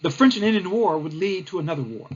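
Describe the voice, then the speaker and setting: A man's voice: high-pitched, animated, fast talker, slightly rough, highs cut off. A male teacher, giving a recorded history lecture in a plain, explanatory way with frequent fillers.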